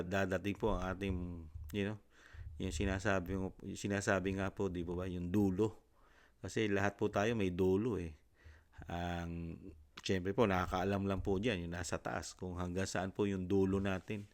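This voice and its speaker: A Filipino man hosting a commentary channel, speaking politely and haltingly with many fillers. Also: low-pitched. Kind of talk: casual commentary.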